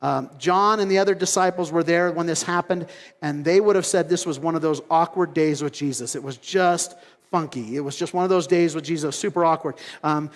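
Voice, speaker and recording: A man preaching a sermon as pastor, telling stories in an animated way and acting out other people's voices. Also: fairly high pitch, a little fast, in a large hall. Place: church sanctuary.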